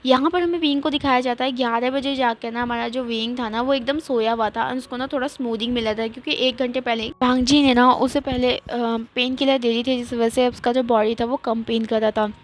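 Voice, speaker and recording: A woman's voice: fairly high pitch, fairly even intonation, brisk, hardly any pauses. A woman retelling a romance fanfiction in a casual, conversational way, with frequent fillers and self-corrections. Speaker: fanfiction storyteller. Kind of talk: casual story narration.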